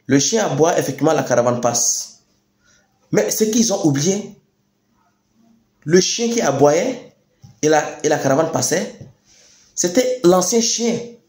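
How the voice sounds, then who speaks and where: A young man with a Chadian French accent giving a rousing political address, emphatic and deliberate, with repeated phrases and rhetorical questions. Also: on the high side, animated, darkish tone. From Chad. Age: young adult. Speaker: youth activist speaker. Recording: echoey room sound.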